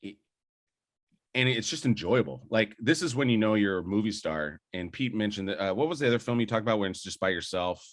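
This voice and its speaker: A young adult man trades opinions on movies as a podcast co-host, his lowish voice expressive and brisk. The casual debate is eager and rambling, full of fillers and restarts.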